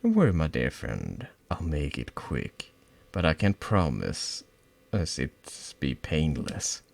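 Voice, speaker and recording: A man's voice: rumbling low, very animated, takes it slowly, gravelly, dry recording, heavily acted. A man voicing Akana, a cruel mocking schoolgirl. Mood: menacing. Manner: taunting, cold and menacing. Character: cruel teenage girl turned on her friend.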